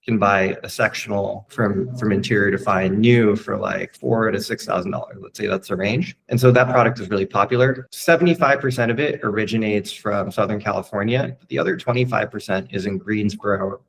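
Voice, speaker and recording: A man with a lowish, gravelly voice talks through a business model in a frank, casual consultation. He explains step by step and keeps checking in with quick rhetorical questions. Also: fairly bright tone, low-quality recording. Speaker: host and coach.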